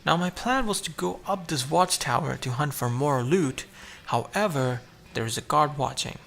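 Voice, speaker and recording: A man's voice: on the high side, lively intonation, moderate pace, gravelly, a bit bright. A man narrating his own survival game playthrough, chatty and explaining each move as he goes. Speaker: gameplay narrator.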